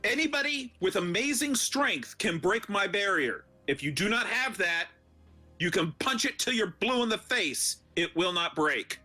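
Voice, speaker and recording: High, bright-voiced man gaming over music. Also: very animated, unhurried. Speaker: player in a tabletop RPG. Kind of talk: casual game chat. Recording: background music under the voice.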